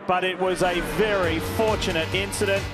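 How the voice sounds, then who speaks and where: A man's voice: sits high, steady tone, moderate pace, loud music behind the voice. A man giving live motorsport commentary as lead announcer, with a dramatic, urgent play-by-play delivery. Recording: loud engine roar behind. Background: race cars and track noise.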